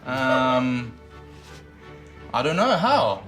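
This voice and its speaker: A man casually trades dad jokes as a challenge contestant. He takes his time, his pitch moving in a lively way over clear background music. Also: extremely slow. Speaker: contestant in a try-not-to-laugh joke challenge. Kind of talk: casual joke trading, telling dad jokes.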